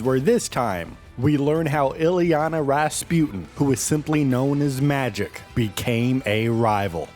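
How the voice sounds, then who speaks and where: A man's voice: fairly high pitch, darkish tone. A man hosting a game lore channel, retelling the story in a casual, jokey way with self-mocking asides.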